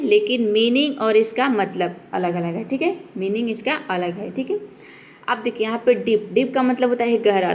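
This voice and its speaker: Patient woman teaching phonics, high voice. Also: a little hiss or hum. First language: Hindi. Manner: patient, repeats "ठीक है" after each point. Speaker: English teacher. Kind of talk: step-by-step phonics lesson.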